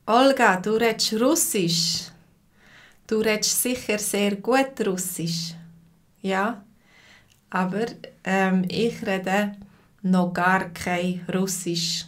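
Swiss woman language teacher, live lesson, slow careful delivery, repeats for learners. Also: medium pitch, fairly even intonation. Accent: Swiss German. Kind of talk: live online language lesson, reading chat.

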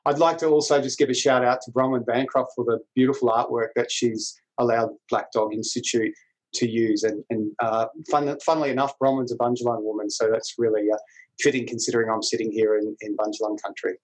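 Aussie bloke, middle aged, mid-pitched voice, introducing a webinar on a video call, pretty informal wording. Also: male voice, fairly even intonation, a little fast, poor audio. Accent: Australian. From New South Wales, Australia. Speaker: webinar moderator. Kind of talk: webinar introduction, semi-formal presenting. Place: small indoor office room. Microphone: video call computer microphone.

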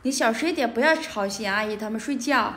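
A woman's voice: on the high side, fast talker, roomy sound, a little hiss or hum. A woman on a livestream thanking viewers and pleading wearily with a friend to stop arguing. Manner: weary, pleading, hushing.

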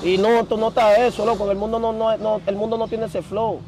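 A young man, telling his story as an interview guest in slangy, animated casual talk. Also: sits high, brisk, slight background noise. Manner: animated, slangy, repeats filler words.

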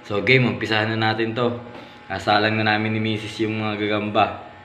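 Excited man doing a spider fight vlog. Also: lowish voice, brisk, a little hiss or hum. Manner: excited, repeats "mga spider" and "oh" often. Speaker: vlogger, channel host. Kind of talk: casual commentary on spider fights. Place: at home. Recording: echoey room, faint background ambience.

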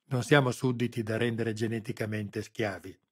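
A man's voice: lowish voice, fairly even intonation, normal speed, breathy edge. A man voicing a captive woman journalist who fights back with desperate defiance. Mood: defiant.

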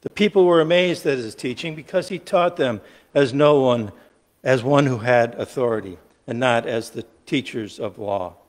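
A man reads scripture aloud at an even, measured pace, his voice sitting in the middle register. His voice carries through a church sanctuary with a long hall reverb. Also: medium pitch. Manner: measured, steady reading aloud. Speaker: scripture reader. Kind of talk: scripture reading.

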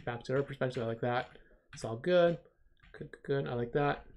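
A man's voice: medium pitch, a little fast, darkish tone, a little hiss or hum. Male stream host reviewing storyboards: casual, upbeat, rambling, mid-range voice. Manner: enthusiastic, rambling, heavy on "like". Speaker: storyboard artist reviewing viewer work. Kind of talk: casual livestream critique.

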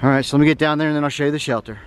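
This thru-hiker vlogger speaks very fast in a voice on the high side with fairly even intonation, chatting in an easygoing, folksy way though he sounds tired. He's outdoors on a wooded mountain trail, filming with a handheld camera at arm's length that picks up a little hiss or hum.

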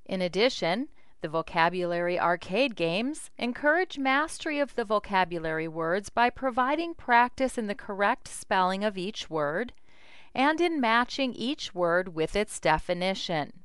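A woman's voice: mid-range voice, animated, normal speed, fairly bright tone, smooth, dry recording. A woman giving scripted instructional narration as the narrator of a product demo.

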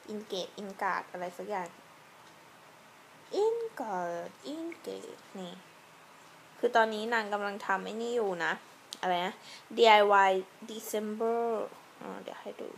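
A woman's voice: mid-range voice, steady tone, moderate pace, vocal fry, long pauses, slight background noise. Chatty young woman vlogging from bed. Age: young adult. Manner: chatty, rambling, self-correcting. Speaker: beauty vlogger. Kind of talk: casual vlog chat. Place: lying in bed at home at night.

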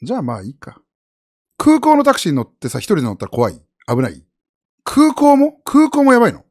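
A male streamer from Japan chats casually and quickly in a slightly husky voice. His rambling, animated delivery swings hugely between high and low pitch.

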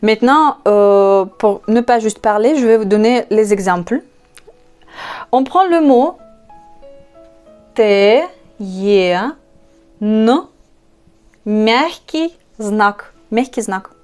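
With soft music behind her, a Russian-accented woman teaches a language class online, patiently spelling each letter and saying every word twice at an unhurried pace. She's a native Russian speaker whose fairly high voice has a darkish, clear, resonant tone.

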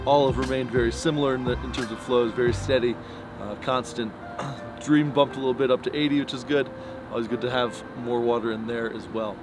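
A man's voice: mid-range voice, steady tone, a little fast. A man in his thirties talking casually to camera outdoors in the snow, giving a fishing report with many fillers and restarts. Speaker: fly shop owner giving a fishing report. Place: outdoors by pickup trucks in snow. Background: music bed under the talk.

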